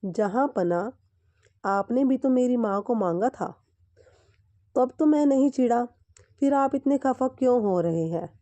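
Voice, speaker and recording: A woman voicing a quick-witted male royal courtier who answers politely but sharply, in a storytelling lesson. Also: a little high, expressive, warm tone, pitched above the performer's own voice. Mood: politely sly.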